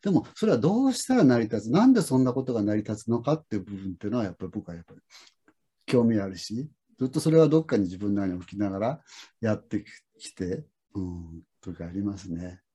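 A middle-aged man with a husky, mellow voice talks in a slow, reflective, rambling way. He hosts a relaxed conversation and fills his stories with pauses and fillers. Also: fairly low pitch. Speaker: lesson host. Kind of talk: casual conversation.

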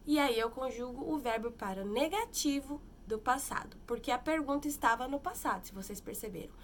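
A woman's voice: high voice, lively intonation, a little hiss or hum. Woman teaching a patient language lesson. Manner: explains patiently, slows down to model phrases, checks in often. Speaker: Japanese teacher. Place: lives in Japan.

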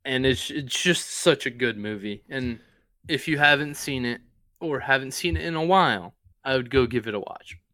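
A man co-hosting a podcast, chatting casually about his favorite movies in a relaxed, rambling way. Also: medium pitch, normal speed, no echo, studio quality. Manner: relaxed, rambling, with fillers and swearing. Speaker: podcast co-host.

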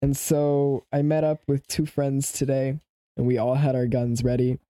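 A man's voice: medium pitch, monotone, normal speed, mellow, no echo. A young man co-hosting a podcast in casual chat, blunt and crude as he tells stories. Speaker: podcast co-host.

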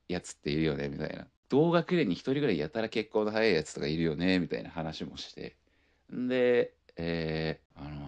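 A man in his twenties hosts a solo podcast, telling a rambling, laid-back story full of fillers in a casual chat. His voice sits low with a darkish tone.

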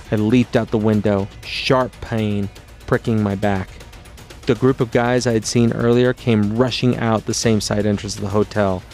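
A man narrating his own memoir as an audiobook in a steady, low-key storytelling delivery.

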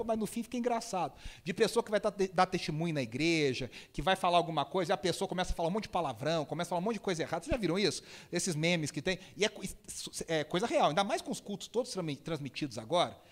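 Male preacher, high voice, lively sermon storyteller. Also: rapid-fire, hardly any pauses. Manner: lively storytelling, impersonates people with sudden high shouts.

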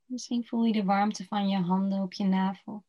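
A woman guiding a slow body-scan relaxation meditation in a soft, soothing voice with long pauses. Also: medium pitch, steady tone. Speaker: meditation guide. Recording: dull lo-fi recording.

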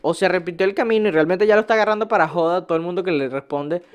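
A man's voice: high voice, rapid-fire, clean tone, lo-fi sound. A young man with a Venezuelan accent, ranting casually as a vlogger, swearing a lot, laughing often and stumbling over his words. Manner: profane, rambling, laughs often, restarts words. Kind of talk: casual rant.

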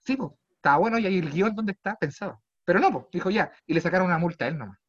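Chilean man, young, swearing comic storyteller, lively swooping pitch, slightly dull lo-fi recording. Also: racing. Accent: Chilean Spanish. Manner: animated, swearing, jumps between low mutters and loud exclaims. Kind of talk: casual comedic storytelling.

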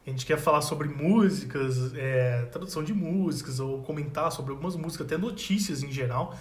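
Easygoing podcast guy, kinda high voice, asks stuff, echoey room. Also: normal speed. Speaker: co-host. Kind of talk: casual podcast chat.

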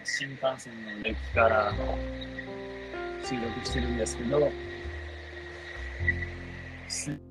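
A man's voice: mid-range voice, steady tone, takes it slowly, long pauses, over music, poor audio. A tired man hosting a casual podcast chat, recorded aboard a moving train. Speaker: podcast host.

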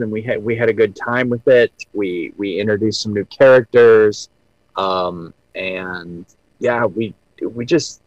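A man co-hosting a casual chat, speaking haltingly with many fillers. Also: lowish voice, dry recording, lo-fi sound. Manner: lots of brief agreeing, halting speech. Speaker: podcast co-host.

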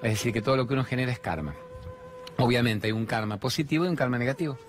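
Argentine male host in his fifties, spiritual monologue, lively and questioning delivery, soft music underneath. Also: mid-range voice, very fast. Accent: Argentine Spanish. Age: 50s. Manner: animated storyteller, rhetorical questions. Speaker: host of a spiritual talk show.

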